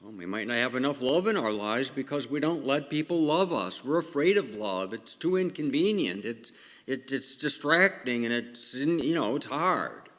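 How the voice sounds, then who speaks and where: A man speaking as a priest at a church service, reflective and measured, with cathedral echo around his voice. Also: medium pitch, animated, fairly bright tone. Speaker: priest giving the Gospel and homily. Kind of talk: liturgical reading and homily. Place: large reverberant church. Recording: cathedral echo, long reverberant church hall.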